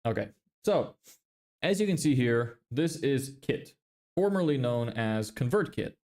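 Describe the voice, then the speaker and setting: On a livestream, a young Lithuanian man building a business reads viewer comments and jokes about himself, loose and self-deprecating, casually swearing and often laughing. His accent sounds American. The voice is medium-pitched and darkish, with lively intonation at a measured pace.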